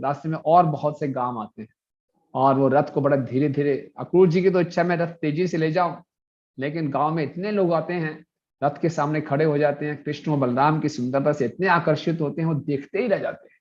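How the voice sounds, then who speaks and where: A man's voice: on the high side, fairly even intonation, fairly quick, a little mellow, dull audio. A male preacher telling a devotional story, acting out the characters' dialogue as he goes.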